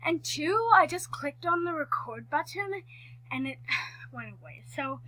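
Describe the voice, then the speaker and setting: A woman's voice: high-pitched, animated, a little slow, bright, forceful tone, poor audio. A woman chatting casually over her gameplay, rambling and often correcting herself mid-sentence. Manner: rambling, self-correcting, many fillers. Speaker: gaming vlogger.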